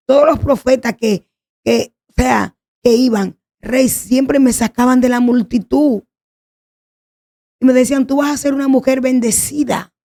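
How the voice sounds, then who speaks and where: A woman's voice: medium pitch, creaky, mellow. A woman sharing an emotional personal testimony as a guest, telling her story in an earnest, pleading way.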